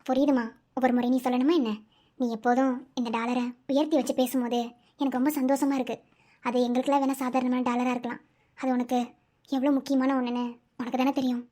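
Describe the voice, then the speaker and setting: A woman's voice: high voice, little pitch movement, fast talker, warm tone. A kindly orphan-home mother. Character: caring woman who runs an orphan home. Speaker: mother figure of a children's home. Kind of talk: animated cartoon dialogue.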